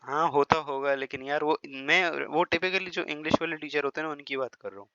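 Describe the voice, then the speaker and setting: A man with a high-ish, pushed, bright voice lectures on biology in a classroom style, switching between Hindi and English. Chatty and teasing, he keeps checking in with students and slows to over-stress words when modeling pronunciation. Dry, slightly dull lo-fi audio.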